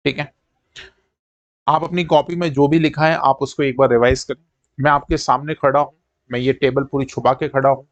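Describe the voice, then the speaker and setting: A man teaching a live-streamed maths lesson, drilling fractions and percentages in quick call-and-response and checking that his students follow. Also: medium pitch, dry recording, dull audio. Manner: coaxing, repeats "ठीक है" to check students follow.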